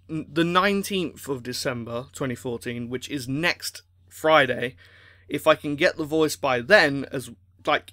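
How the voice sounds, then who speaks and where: A man who makes machinima videos, rambling and rushed as he appeals to his viewers, full of restarts and a little out of breath. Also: fairly high pitch, pushed and bright, no room sound, studio quality. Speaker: machinima creator.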